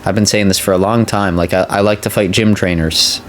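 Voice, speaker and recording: Low-voiced gamer guy, sore mouth after dental work. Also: fairly even intonation, a little fast, background noise. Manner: talking carefully with a sore mouth after wisdom tooth removal. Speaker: video game let's player. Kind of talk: casual gameplay commentary. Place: indoor voice-over recording.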